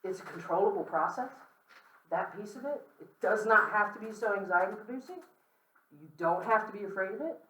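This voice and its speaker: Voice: mid-range voice, expressive, brisk, pushed and bright. A guest speaker giving an informal, candid lecture to a campus audience, talking conversationally and often checking in with "okay?". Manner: candid, with asides and light humor. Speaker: guest speaker on death and dying. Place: large room with an audience. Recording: roomy echo, speaker far from the mic.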